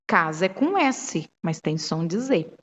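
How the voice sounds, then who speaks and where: A woman's voice: lowish voice, sing-song, measured pace, a bit bright, highs cut off. A woman with a Brazilian Portuguese accent explaining literacy stages to teachers, patiently sounding out words syllable by syllable. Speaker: teacher trainer. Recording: long reverb.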